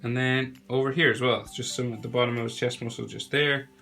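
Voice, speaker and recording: Quick, gravelly, and medium-pitched, the voice belongs to a young man who sounds nasal from a cold. He chats in a relaxed way while narrating a drawing tutorial step by step, faint music playing behind him.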